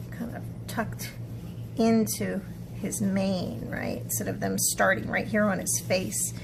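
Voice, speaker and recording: There's clear background noise as a woman walks kids through an art project stage by stage. Her voice is medium-pitched and conversational; she muses aloud and checks in with brief tag questions.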